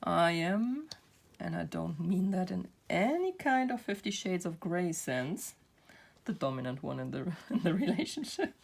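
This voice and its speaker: A woman's voice: lowish voice, very animated, measured pace, gravelly, a little mellow, husky. A woman who hosts a craft channel, chatting casually while she works and rambling with self-deprecating laughs. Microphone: built-in camera mic.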